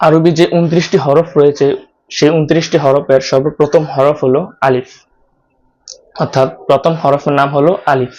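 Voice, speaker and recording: A man from Bangladesh teaching an online Quran lesson, slowly explaining how to pronounce each Arabic letter and repeating each sound many times. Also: fairly high pitch, level tone, a little mellow, highs cut off.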